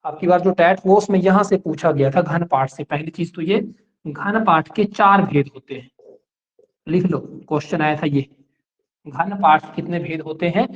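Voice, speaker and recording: A man's voice: a little high, normal speed, muffled recording. A male teacher giving an exam-prep lecture, explaining step by step and checking that his students follow.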